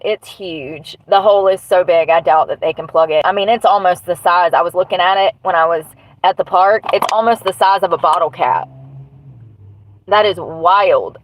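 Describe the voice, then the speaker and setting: Streaming live from inside her truck, a woman livestream host with a stuffy nose chats casually, rambling in a blunt way and swearing offhandedly. Her voice is lowish, there's no echo, and the audio quality is poor.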